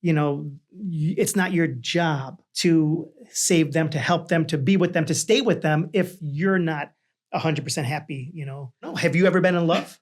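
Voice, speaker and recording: A man with a distinctly high-pitched voice hosts a relaxed interview chat. He talks in a rambling, conversational way, with a joking streak. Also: moderate pace. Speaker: talk show host.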